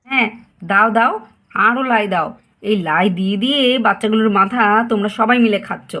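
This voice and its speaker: Lady as a strict scolding mom, sharp nagging tone, doll cartoon. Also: medium pitch, fairly quick, lightly acted. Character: stern scolding mother of daughters. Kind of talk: doll story voice acting.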